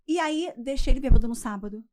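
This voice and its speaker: A woman's voice: high-pitched, fast talker, a little mellow. A woman, a coach guest telling a personal story in a casual chat and acting out the voices of the people in it. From Rio de Janeiro, Brazil. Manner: acts out quoted voices, laughs through the telling. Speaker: weight-loss coach guest.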